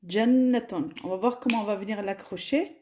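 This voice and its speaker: A woman's voice: medium pitch, fast talker. A woman teaching a lesson, spelling words out syllable by syllable. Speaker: Arabic teacher.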